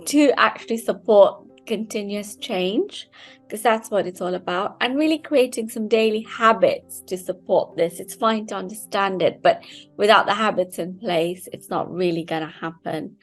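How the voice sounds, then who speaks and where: A woman in her fifties from Kenya, a mindset coach giving an upbeat, chatty online seminar over a video call. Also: medium pitch. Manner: upbeat, chatty, loose phrasing.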